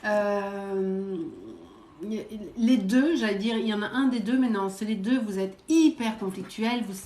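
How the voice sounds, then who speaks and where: A woman psychic medium giving quick readings to viewers during a live stream, direct and coaxing, often adding little verbal tags. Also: medium pitch, mellow, echoey room. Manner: brisk, direct, coaxing, peppered with "hein" and "euh".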